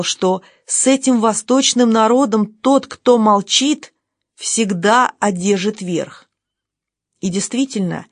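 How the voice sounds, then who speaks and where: A woman's voice: on the high side, dry recording. Woman reading an audiobook, dry sound. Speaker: narrator. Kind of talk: audiobook narration.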